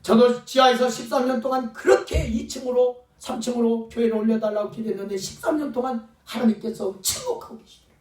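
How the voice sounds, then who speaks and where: A man's voice: very high-pitched, quick pace, darkish tone. A male pastor preaching a fervent sermon, sometimes acting out pleading voices. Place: church sanctuary. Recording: echoey church sound from a distant mic.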